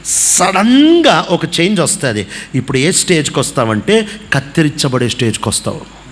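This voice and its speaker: Animated high-voiced male preacher. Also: normal speed. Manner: animated storytelling with acted voices and laughter. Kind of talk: sermon.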